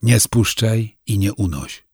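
A man's voice: fairly low pitch, lively intonation, slow pace, a little mellow, slightly rough, no room sound, studio quality, pitched above the performer's own voice, heavily acted. A man voicing a stern old village witch. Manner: curt, scolding, folksy rustic speech.

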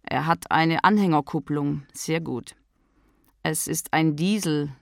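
A woman voicing a calm, formal, bearded Santa Claus in a storybook reading, unruffled and matter-of-fact. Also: low voice, slow, vocal fry, dry recording, clean studio sound, full character voice.

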